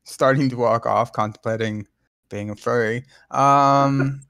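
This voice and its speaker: A man narrating as game master, halting with many ums and restarts. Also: medium pitch, steady tone, vocal fry, a bit bright, smooth, no echo, clean studio sound.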